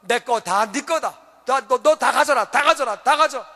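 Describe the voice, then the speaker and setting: A man's voice: very high voice, brisk, sharp tone, in a large hall, voice pushed up, full character voice. A pastor voicing a generous, urgent old father. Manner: pleading, repeating offers. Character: forgiving elderly father in a parable, generous and urgent.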